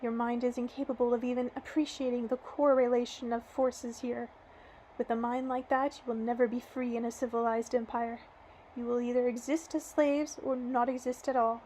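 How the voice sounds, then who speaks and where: An arrogant Roman commander, stern and threatening, read aloud by a woman. The voice is high and mellow, with a touch louder delivery, set in an audiobook reading. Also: level tone, moderate pace, slight background noise, lightly acted. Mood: scornful.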